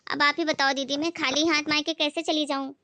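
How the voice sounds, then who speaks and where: Woman voicing a meek young daughter-in-law, polite and pleading, very high bright voice, cartoon story. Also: little pitch movement, brisk, no echo.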